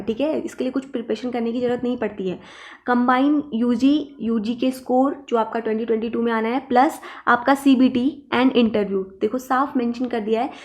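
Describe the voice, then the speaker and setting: Woman teacher, fairly high pitch, emphatic coaching lesson, frequent check-ins with students. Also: darkish tone. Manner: repeats "ठीक है" and "देखो" to check in with students; reassuring, emphatic instruction. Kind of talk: explanatory online lesson.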